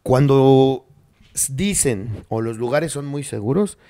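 A man's voice: mid-range voice, takes it slowly, dark tone. A young man with a Mexican accent co-hosting a podcast, joking crudely and animatedly. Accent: Mexican Spanish. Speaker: podcast co-host. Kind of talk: casual comedy chat.

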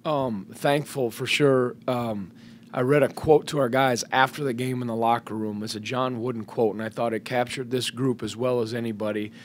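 Answering questions after a game, a middle-aged head basketball coach speaks into a table microphone in a press room with a sponsor backdrop behind him. He is thoughtful, with many fillers and restarts, and his medium-pitched voice stays steady at a moderate pace over a little hiss or hum.

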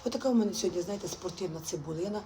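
A woman's voice: lowish voice, rapid-fire, mellow, a little hiss or hum, low-quality recording. A woman chatting affectionately to her viewers in a casual morning vlog while getting dressed at home. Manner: drops to a whisper at times. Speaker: vlogger.

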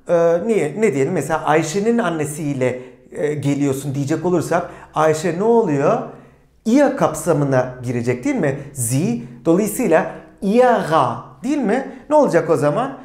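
Man teaching grammar, lively pitch. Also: echoey room. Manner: slow, deliberate, asks the class questions. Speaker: German teacher. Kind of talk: classroom-style grammar lesson.

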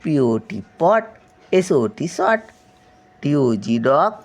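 A woman's voice: low voice, very animated, slow, a little mellow. An older woman, a grandmother, teaching children English word sounds, spelling each word letter by letter and then saying it, often checking with a short "hm?". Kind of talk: slow spelling lesson, letter by letter.

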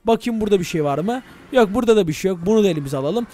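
A young man narrating a Minecraft let's-play to his viewers, excitable and full of exclamations. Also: sits high, very fast, slight background noise. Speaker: gaming YouTuber.

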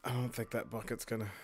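A man hosting a let's play, reacting loudly, laughing and swearing as he comments on the game. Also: medium pitch.

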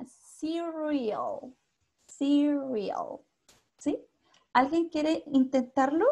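A patient woman with a Chilean Spanish accent runs an English class on a video call, constantly checking on her students and slipping English into her Spanish. She has a high, gravelly, mellow voice.

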